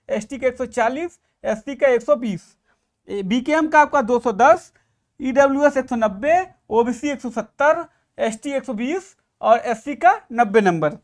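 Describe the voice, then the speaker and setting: A man giving admission guidance as a video lesson, explaining in a direct way at a board and checking in with his listeners often. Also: very high voice. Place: room with a whiteboard.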